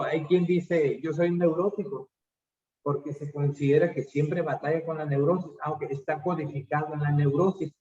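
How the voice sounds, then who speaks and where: In an online seminar about addiction counseling, a man from Mexico breaks down concepts one step at a time, frequently using fillers such as "este." His voice is a touch high and dark in tone. The recording's highs are cut off.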